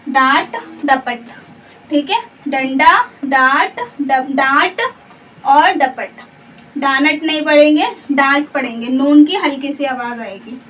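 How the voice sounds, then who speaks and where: A woman teaching a slow Urdu spelling lesson. She says each letter in turn, then reads out the whole word, and she asks the learner questions along the way. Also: high-pitched, a bit bright. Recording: dull, muffled audio from a distance with faint background hiss.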